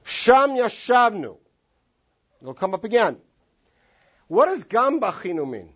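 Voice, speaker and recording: Speaking at normal speed in a high, husky voice, a man from Los Angeles teaches a classroom text study. He's animated, singing phrases out in long drawn tones, and the classroom recording is dull and lo-fi.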